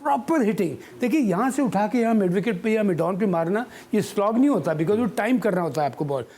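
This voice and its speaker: A man's voice: high-pitched, animated, fairly quick, a little mellow. An older man, a former chief selector giving emphatic studio cricket analysis and dropping in English phrases.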